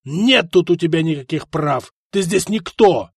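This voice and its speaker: A blustering older duke bellows in a loud, raised voice, as a male narrator puts him on. His speech is blunt and angry. Recorded close and dry. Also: on the high side, lively intonation, measured pace, breathy edge, no echo, exaggerated voice. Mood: roaring. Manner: roaring, blustering. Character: blustering older duke, hot-tempered then wary.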